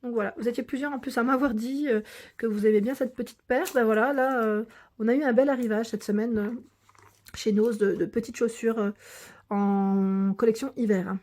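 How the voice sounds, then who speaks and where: A woman's voice: on the high side, steady tone, normal speed, a little mellow. A young woman with a daughter chatting casually through a shopping haul, hesitant and full of fillers. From France.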